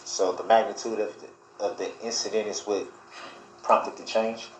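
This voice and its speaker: A man questioning a witness in a courtroom cross examination, speaking formally and haltingly. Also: fairly low pitch, steady tone. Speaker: defendant questioning a witness as his own lawyer. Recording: echoey courtroom with faint noise.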